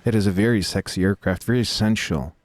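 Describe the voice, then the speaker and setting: A man hosting a stream, commenting on his game in an excitable, joking way. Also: on the low side, brisk, no room sound. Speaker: host playing a game on stream. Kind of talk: casual chat.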